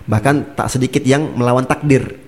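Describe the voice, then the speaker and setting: Male preacher, casual religious chat, lively, jokey asides. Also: medium pitch, normal speed. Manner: lively, laughing, acts out angry speakers. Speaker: Islamic preacher.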